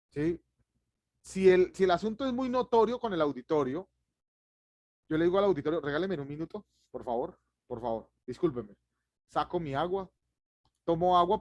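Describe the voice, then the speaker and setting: Guy teaching speaking skills online, talks quick, kinda high voice, dry sound. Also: no room sound. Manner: fast, lively, self-deprecating with chuckles. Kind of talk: online class lecture.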